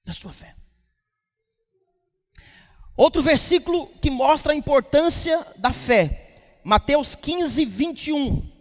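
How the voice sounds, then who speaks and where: A male pastor preaching a lively sermon at a church service, quizzing the congregation and breaking into shouts. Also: very high voice, slow. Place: church service in a large hall. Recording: long hall reverb from the church.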